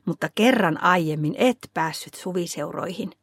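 A woman voicing a patient mother who speaks softly and soothingly to her young son in a storybook reading. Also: on the low side, gravelly, husky, no echo, clean studio sound. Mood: gentle.

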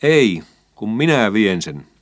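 A sulky, stubborn little boy, as a male storyteller puts him on, speaking in a raised, boyish pitch. He sounds reluctant and grumbling. The recording is dry and close. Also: very animated, dry recording. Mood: insistent.

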